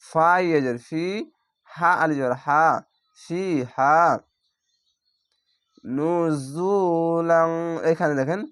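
A man teaching Quran reading, spelling each word out slowly by its letters and vowel marks before reciting it. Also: on the high side, fairly bright tone, no room sound, clean studio sound. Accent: Bangladeshi Bengali. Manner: slow, drawn-out syllable-by-syllable spelling with recited words.

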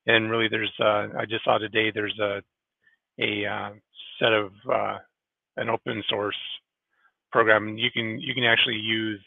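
A man speaking as a technical architect in a casual panel discussion over a video call, halting with many restarts. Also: fairly low pitch, little pitch movement, gravelly, no room sound. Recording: tinny video call audio.

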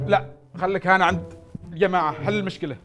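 A man's voice: high-pitched, fairly even intonation, quick pace, fairly bright tone. A man playing a mischievous, bossy male friend who teases and barks orders, in a comedy sketch. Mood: teasing. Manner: teasing, bossy, barking orders. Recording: faint music behind the voice.

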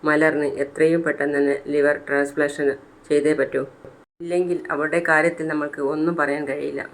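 A narrator doing a matter-of-fact doctor. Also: male voice, a little high, level tone, a little fast, slight background noise, close to an everyday voice. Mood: grave. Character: hospital doctor, calm and professional.

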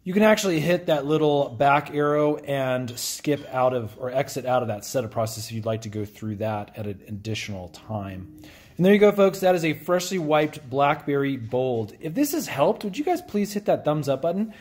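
A man's voice: medium pitch, expressive, normal speed, a little mellow. A man hosting a tech tutorial, explaining step by step in a friendly, plain way while working a phone on camera.

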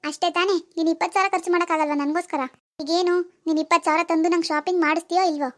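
A woman's voice: very high voice, fairly even intonation, rapid-fire. [name], a woman voicing a scornful young village girl. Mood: angry. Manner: scolding, sarcastic. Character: demanding young village woman, proud and sulky. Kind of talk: cartoon dialogue voice acting.

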